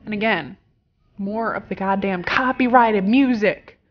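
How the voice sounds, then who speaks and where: A woman's voice: mid-range voice, unhurried, highs cut off. A woman hosting a casual gameplay video, joking around, swearing freely and breaking into silly fake singing. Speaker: gaming video host.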